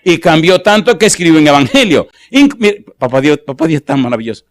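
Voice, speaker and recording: A man's voice: fairly high pitch, sing-song, fairly quick. A middle-aged man preaching a sermon to a live church audience, telling a story and asking rhetorical questions. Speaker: pastor.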